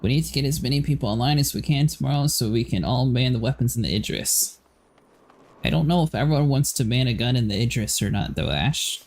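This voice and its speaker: A man's voice: mid-range voice, animated, fast, a little mellow. A man hosting a livestream, chatting casually about a game, laughing often and filling his talk with "like". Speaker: livestream host. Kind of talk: casual gaming chat.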